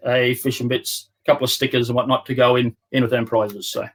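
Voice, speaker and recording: A man's voice: medium pitch, little pitch movement, brisk, a bit bright. A man with an Australian accent chatting casually as a guest, in a laconic way. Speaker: show guest. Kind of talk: casual chat.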